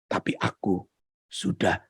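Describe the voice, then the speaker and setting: A preacher voicing Jesus as a gentle, patient divine man, speaking softly and in a hushed tone. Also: dry recording, clean studio sound. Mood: tender. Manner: soft, hushed, slow.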